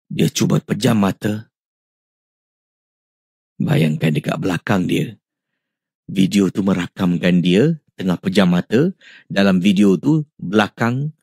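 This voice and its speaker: A man hosting a radio show, reading out listener ghost stories in an animated, suspenseful way. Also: slow, gravelly, long pauses, breathy edge, no echo, clean studio sound. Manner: animated, with sudden rises in pitch and loudness for suspense.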